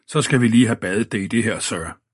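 A man's voice: fairly low pitch, slightly rough. A man voicing a pale young police constable who politely calls everyone sir, in an audiobook reading. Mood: calm helpful.

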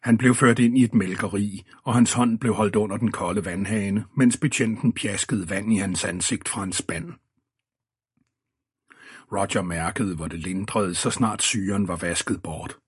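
Low husky male audiobook narrator. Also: no echo, clean studio sound. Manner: measured storytelling. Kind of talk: scripted narration.

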